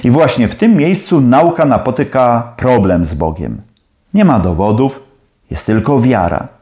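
A man's voice: medium pitch, animated, unhurried, warm tone, lightly acted. A man playing a stern older professor who presses his questions in a challenging, probing way.

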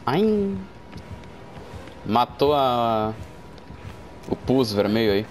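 A young man with a Brazilian Portuguese accent, casually commenting on his gameplay, excitable and joking, a bit groggy from medication. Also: mid-range voice, very slow, faint music behind. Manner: excitable, yelps and jokes at the game. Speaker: gameplay streamer.

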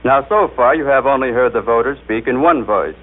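A man's voice: mid-range voice, lively intonation, a little fast. A man demonstrating a machine in a scripted radio broadcast, talking in a jovial, explanatory way as he coaxes it along. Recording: tinny 1939 radio broadcast recording.

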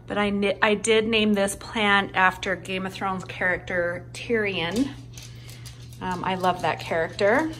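A woman's voice: medium pitch, steady tone, unhurried, fairly bright tone. A woman in her thirties narrating a casual home vlog, chatty and upbeat with frequent ums. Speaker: vlogger.

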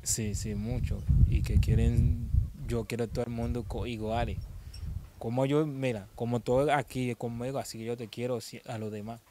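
Halting young man telling his story. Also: mid-range voice, fairly even intonation, background noise. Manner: halting, repeats words and restarts often. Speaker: interviewee. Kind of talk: personal storytelling in an interview.

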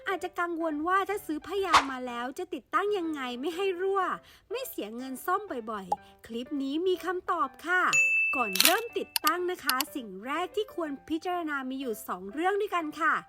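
A woman's voice: sits high, animated, fairly quick, over loud music. A woman narrating a how-to video in a polite, instructive, step-by-step voice-over.

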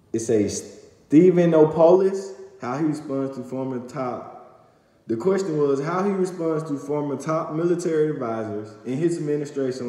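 The echoey small room at home, with its long reverb, carries a young adult man's mellow, mid-range voice as he recaps the news to camera. He reads aloud with stumbles and fillers, recorded by a phone camera at arm's length.

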